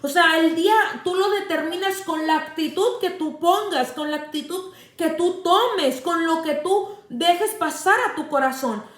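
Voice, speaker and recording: High-voiced fervent woman preaching. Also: unhurried, hardly any pauses, fairly bright tone, echoey room. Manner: fervent, repeats phrases for emphasis. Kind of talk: livestreamed sermon. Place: seated indoors at home.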